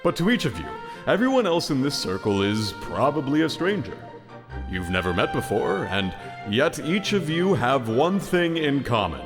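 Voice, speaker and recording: A man voicing an eager, gushing giant hand who hosts grandly and theatrically in an animated comedy. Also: medium pitch, moderate pace. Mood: cheerful, addressing group. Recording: background music, long reverb.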